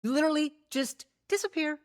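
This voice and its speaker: A woman's voice sits high and moves a little fast as she hosts a casual podcast interview over video call. A host and coach, she's enthusiastic and keeps prompting her guest with questions.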